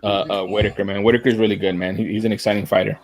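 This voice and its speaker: A man's voice: fairly low pitch, racing, slight background noise. A man co-hosting a podcast, chatting casually about fights, throwing in "man" and "dude" a lot. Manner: animated, says "man" and "dude" often, acts out quotes. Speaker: podcast co-host.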